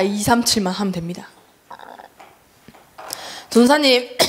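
A young woman preaches to children in a chatty, animated way. Her voice sits a little high, and she acts out other people's voices as she tells stories. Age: young adult. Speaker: junior evangelist preaching to a children's service. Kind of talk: lively children's sermon. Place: church hall.

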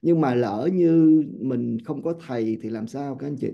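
A man teaching English to a room of adults, lively and often checking with his listeners. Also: medium pitch, unhurried, gravelly. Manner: animated, keeps checking with the class. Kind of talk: classroom lecture. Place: classroom or seminar room. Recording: dull lo-fi sound.

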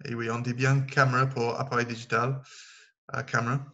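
A man's voice: mid-range voice, level tone, fairly quick, pushed and bright, lo-fi sound. A man teaching a recorded online English lesson, explaining step by step and counting down aloud for his learners.

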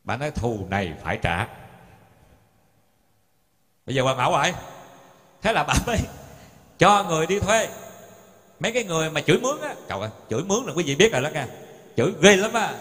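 A man's voice: a little high, sing-song, quick pace, long pauses, a bit bright. A male Buddhist monk gives a sermon, telling stories in a folksy way and speaking straight to his listeners. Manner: folksy storytelling, addresses the audience directly. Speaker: Buddhist monk teaching the Dharma. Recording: long hall reverb.

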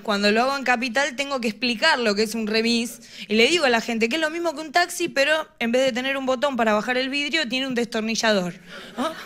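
A woman's voice: a little high, fairly bright tone. A woman with a Rioplatense Argentine accent doing live stand-up, chatty and laughing at her own jokes. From Morón, western Greater Buenos Aires, Argentina. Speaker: stand-up comedian.

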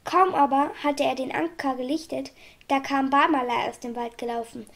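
A woman reading a children's storybook aloud in a lively, expressive way. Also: sits high, normal speed, gravelly. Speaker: audiobook reader.

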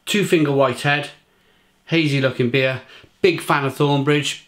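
A man's voice: fairly high pitch, fairly even intonation, normal speed, fairly bright tone. Rambling British man reviewing beer. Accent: British English. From England. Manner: rambling, restarts often, enthusiastic about flavours. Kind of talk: casual beer review to camera.

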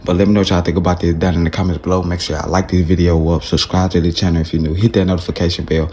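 Low-voiced man, flat casual video host. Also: racing. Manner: slangy, conversational, punctuates phrases with "man". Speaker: YouTube channel host. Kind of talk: casual rap news commentary.

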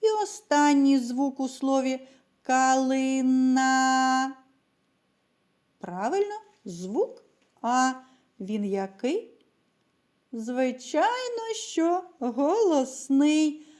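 A woman's voice: high-pitched, very animated, slow pace, dark tone. A woman teaching a children's lesson, speaking patiently and addressing the little ones directly. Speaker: primary school teacher.

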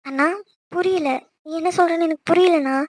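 A woman's voice: very high-pitched, fairly quick, dry recording, clean studio sound. A woman voicing a cheeky younger sister who teases her brother and chatters curiously. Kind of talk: cartoon voice acting.

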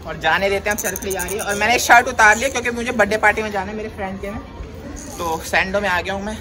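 A man in his 20s vlogs from an open urban rooftop, chatting casually and animatedly with running commentary, often repeating his phrases. He has a high voice and talks fast, and the phone camera, near to a few metres away, picks up crowd noise, voices and outdoor city sounds.

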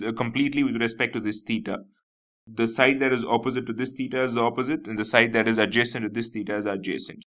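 Bright-voiced Indian English math teacher. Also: male voice, lowish voice. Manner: explanatory, repeats key terms, frequent "nothing but" and "you know". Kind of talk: whiteboard math lesson.

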